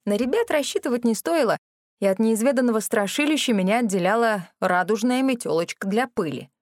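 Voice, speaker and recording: A woman's voice: a little high, animated, fairly quick, darkish tone, no room sound, studio quality. A woman narrating a comic fantasy audiobook in the first person, wry and sarcastic.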